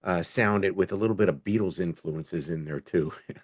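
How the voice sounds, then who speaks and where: Host: man, very deep voice, dry sound, relaxed and brief. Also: a little fast, no room sound. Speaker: interview host. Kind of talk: casual interview questions.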